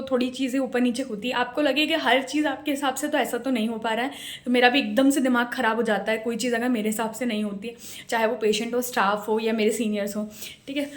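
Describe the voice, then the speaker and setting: Chatty young woman vlogging her day. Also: fairly high pitch. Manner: chatty, mixes English phrases into Hindi, often tags "theek hai". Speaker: doctor vlogger. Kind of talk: casual daily vlog. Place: home and on the go.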